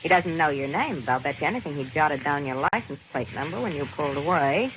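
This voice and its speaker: Playing a cold-blooded, greedy gangster's girlfriend in a vintage radio crime drama, an American actress sounds calculating, brash, slangy and sardonic. Her low voice is animated and a bit bright, and she talks at a quick pace. Faint noise runs through the dull old recording.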